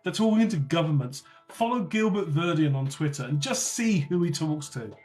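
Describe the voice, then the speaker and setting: A man's voice: a little high, animated, moderate pace, a little mellow. A man from North Somerset, casually chatting on a livestream and answering viewer comments. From North Somerset, England. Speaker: livestream host.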